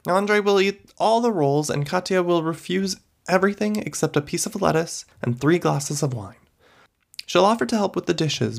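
A man reading a storybook, voicing an older woman fortune-teller who speaks gently and matter-of-factly. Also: on the high side, vocal fry, voice pushed up. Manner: gentle, matter-of-fact, grandly solemn.

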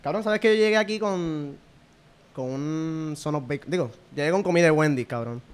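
A man's voice: on the high side, normal speed, smooth. A young Puerto Rican man chatting casually as a podcast co-host, laid-back, swearing often and laughing a lot. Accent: Puerto Rican Spanish. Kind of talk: casual chat.

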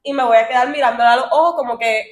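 High-voiced woman chiming in, roomy echo. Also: rapid-fire. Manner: chiming in, adding details. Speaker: vlogger. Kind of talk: storytime chat. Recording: echoey room.

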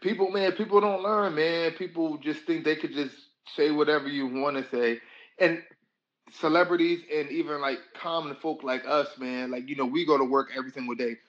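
A man's voice: on the high side, steady tone, normal speed, a bit bright. Laid-back opinionated man, lo-fi. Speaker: podcast host. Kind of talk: casual chat.

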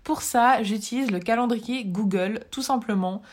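A woman's voice: on the high side, moderate pace, darkish tone. A young woman chatting casually as she gives organization advice straight to her viewers, with plenty of fillers and restarts. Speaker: vlogger giving organization tips. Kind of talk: casual advice talk to camera.

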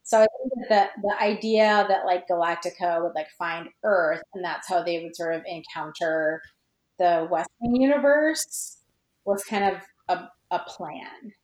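A woman with a fairly low, unhurried voice talks casually and reflectively about her fan fiction as a podcast guest. She hesitates and searches for words, saying "like" a lot. The recording sounds roomy and echoey.

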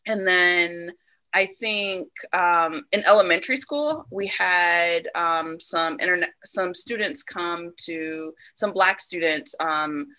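A woman from the United States talking reflectively in a casual conversation, often pausing with ums and laughing. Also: lowish voice, pushed and bright, poor audio.

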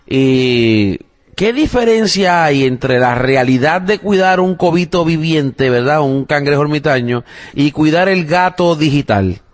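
Speaking unhurriedly in a fairly high voice, a Puerto Rican podcast host chats casually with his young daughter on their family show. His Puerto Rican Spanish accent comes with plenty of fillers and an English phrase here and there.

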